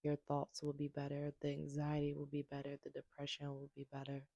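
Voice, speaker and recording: A woman's voice: low voice, monotone, brisk, gravelly, warm tone, no echo, dull audio. A woman in a personal vlog about healing and boundaries, talking emphatically, swearing freely and repeating her points with rising heat. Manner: emphatic, swears freely, builds to heated repetition. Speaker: vlogger.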